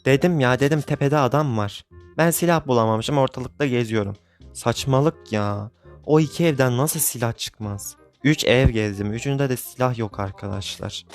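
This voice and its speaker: Young gaming creator, irritable running commentary, mid-pitched, faint music under. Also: male voice, moderate pace. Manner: exasperated, grumbling, venting at the game. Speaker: gaming YouTuber. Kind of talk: frustrated live game commentary.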